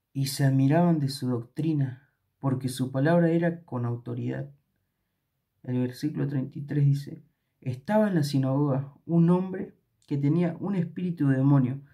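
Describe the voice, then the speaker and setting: A man with an Argentine Spanish accent and a warm, medium-pitched voice reads scripture aloud and comments on it at a Bible study. He sounds hesitant, with many fillers and restarts.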